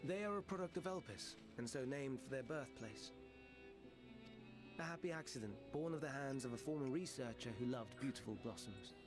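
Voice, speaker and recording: An actor playing a calm, courteous male scholar in a video game, speaking in a measured, gently explanatory way. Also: medium pitch, natural voice. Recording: game audio heard from a distance under loud music.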